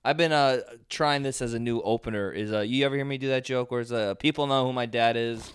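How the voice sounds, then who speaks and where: Male comic, podcast co-host, rambling anecdotes, smooth clear voice, middle pitch, dry booth sound. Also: steady tone, fast talker, no room sound. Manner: rambling storyteller, laughs through his own anecdotes. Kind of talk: casual podcast chat.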